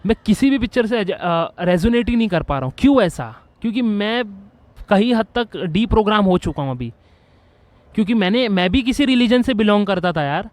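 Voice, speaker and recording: A man hosting a video, explaining his ideas in an earnest, excitable way with lots of restarts and English phrases mixed in. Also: high voice, a little fast, dry recording. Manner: excitable, with frequent restarts and fillers. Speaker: video host. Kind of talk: casual explainer monologue.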